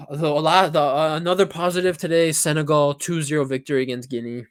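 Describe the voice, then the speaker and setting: Animated young man reacting to football. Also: fairly high pitch, moderate pace, clear, resonant tone, no room sound, clean studio sound. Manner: animated, swears, acts out reactions. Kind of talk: excited casual commentary.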